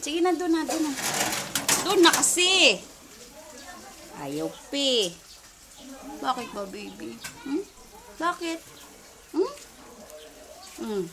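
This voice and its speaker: A woman's voice: high-pitched, sing-song, takes it slowly, pauses often, noisy background. A woman talking baby talk to her pet, coaxing and cooing in a sing-song way. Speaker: pet owner. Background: music.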